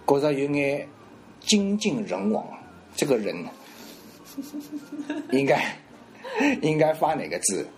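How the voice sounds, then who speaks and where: A man's voice: fairly high pitch, wildly swooping pitch, slow, long pauses, slight background noise. A man with a Shanghainese accent, teaching the dialect in a playful, joking casual chat.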